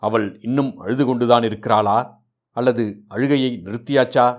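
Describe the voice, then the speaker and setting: A man's voice: medium pitch, steady tone, normal speed, natural voice. A man reading aloud voices a mocking young man who teases a shy bride.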